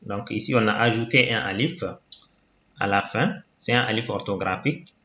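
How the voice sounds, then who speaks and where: A man teaching a reading lesson in a slow, deliberate way, patiently repeating each sound for the learner. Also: on the low side, steady tone, bright, forceful tone, a little hiss or hum. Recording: muffled, roomy recording.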